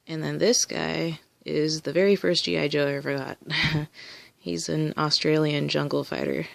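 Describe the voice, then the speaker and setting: Gravelly-voiced woman showing her collection. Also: deep voice, steady tone, normal speed, no room sound. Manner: rambling, many ums and restarts. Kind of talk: casual show-and-tell video.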